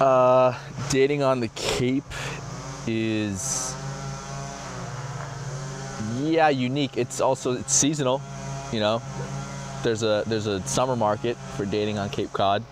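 A man in his twenties answering interview questions casually, halting often with fillers. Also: medium pitch, fairly even intonation, background noise. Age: 20s.

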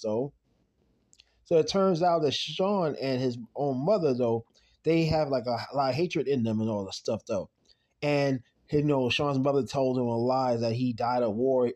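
A man casually recapping a TV episode on his podcast, rambling with lots of "I mean" and "though", and talking quietly about his late father. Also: medium pitch.

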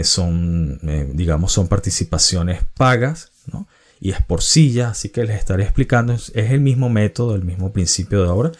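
Man with a lively, low voice hosting a quiz. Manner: explanatory, repeats answers and definitions. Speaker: quiz host and organizer.

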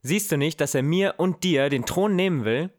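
A man voicing a furious, bitter old king who shouts scornful accusations at his son. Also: on the high side, moderate pace, voice pushed up, natural voice. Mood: raging.

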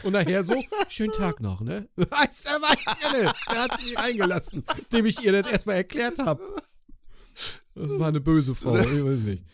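Lively man telling stories on a podcast. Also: high voice, normal speed, a little hiss or hum. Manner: animated storyteller, acts out voices, says "Alter" a lot. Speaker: podcast co-host. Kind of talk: casual comedic chat.

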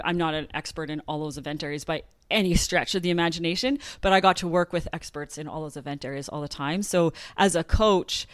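A woman's voice: lowish voice, clean tone, dry recording, clean studio sound. A woman in her thirties from Canada, talking animatedly as an interview guest with frequent laughs and fillers. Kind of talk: conversational interview.

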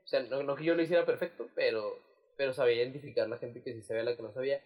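A man's voice: mid-range voice, rapid-fire, highs cut off. A young man, chatting casually as a podcast co-host and telling stories with many restarts. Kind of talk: casual chat.

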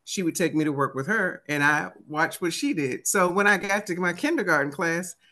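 Woman in her 50s w/ dc accent, low-ish pitch, really bright voice, telling stories in an interview. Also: normal speed. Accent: Washington DC. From United States, Washington DC area. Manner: acts out remembered dialogue. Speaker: interview guest, author and motivational speaker. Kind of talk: animated conversational storytelling.

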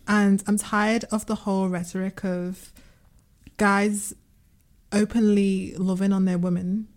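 A woman co-hosts a casual podcast. Her voice sits at a middling pitch, and she talks in a slangy, ranting, conversational way. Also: little pitch movement, a little slow, a little mellow. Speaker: podcast co-host.

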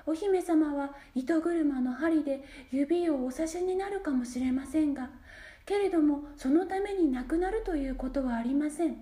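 A woman voicing a kind young fairy who speaks loudly in a formal, comforting way, in a storybook reading with room echo. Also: moderate pace, lightly acted. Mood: reassuring. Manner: loud, bright-pitched, formal and comforting. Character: kind young female fairy, earnest and reassuring.

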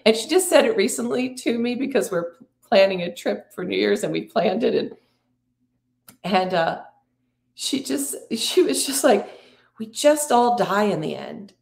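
A middle-aged woman hosting an inspirational talk, speaking in slow, drawn-out, reflective phrases and inviting the listener to breathe. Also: a little high, expressive, gravelly, darkish tone, roomy sound. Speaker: podcast host and spiritual coach.

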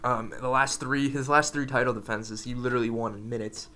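A young man with a bright, ringing voice chats casually as a podcast co-host. He rambles enthusiastically from point to point, his pitch sitting right in the middle of the male range. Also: steady tone, brisk. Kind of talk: casual chat.

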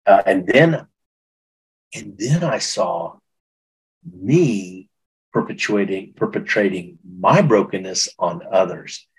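Man, middle-aged, very low voice, raspy and breathy, earnest emotional testimony, interview guest. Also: expressive, takes it slowly, long pauses, low-quality recording. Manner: earnest, emotional storytelling with frequent restarts. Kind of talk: personal testimony in conversation.

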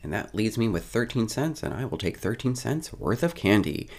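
A man's voice: fairly low pitch, sing-song, moderate pace. A man voicing a determined homesteader father who talks in a stubborn, earnest way.

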